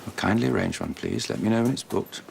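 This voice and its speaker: Low-voiced, formal senior surgeon. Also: male voice, expressive, fast, vocal fry, darkish tone, slight background noise. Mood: cool, insistent. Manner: clipped, precise, formal. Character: formal, stern, restrained senior surgeon, a man. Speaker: actor in a hospital drama. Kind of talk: scripted TV drama dialogue.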